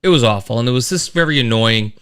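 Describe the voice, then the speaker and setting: The host of a weekly live-stream show, a middle-aged man, talks fast in a clean, medium-pitched voice. His casual monologue is animated and rambling, full of restarts and sound effects.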